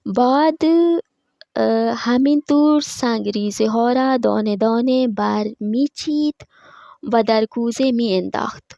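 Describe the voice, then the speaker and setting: A woman teaching Farsi with a Pakistani Urdu accent, reading Farsi lines slowly and then explaining them in a brisker, chatty way. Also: fairly high pitch, vocal fry, warm tone, dry recording, lo-fi sound.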